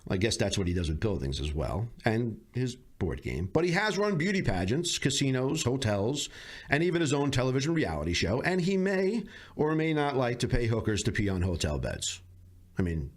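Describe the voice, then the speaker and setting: A man hosting a podcast, giving a measured closing monologue of political commentary with dry sarcastic asides. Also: mid-range voice. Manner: measured, deliberate delivery with slow emphatic pauses. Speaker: podcast host.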